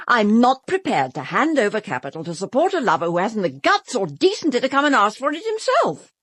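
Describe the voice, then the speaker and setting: In a radio drama, an actress plays an imperious, theatrical stage-star wife whose sweet endearments mask a commanding, pointed, scornful tone. Her high-leaning voice swoops wildly in pitch, runs a little fast with a breathy edge, and is a full character voice in a dry recording.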